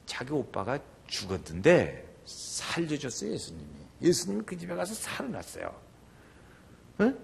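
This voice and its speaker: An older man preaching a sermon, his voice gravelly and husky. He swings his pitch widely and slips into the voices of the people in his stories as he preaches. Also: normal speed. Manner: animated, acts out quoted voices. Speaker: pastor.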